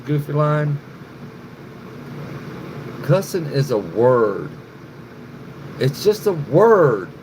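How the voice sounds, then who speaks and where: Fairly high-pitched with some vocal fry, this middle-aged livestream host rambles and swears freely while replying to viewers in the chat by name. The recording is low quality, with noticeable background noise and an air conditioner humming.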